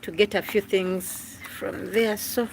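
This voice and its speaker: Woman from Uganda, live-stream vlogger, chatty and laughing, mid-pitched voice, noticeable household noise behind her. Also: steady tone, slow pace, creaky. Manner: chatty, laughs often, calls out to family off-camera. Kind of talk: casual live-stream chat. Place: family home in a village.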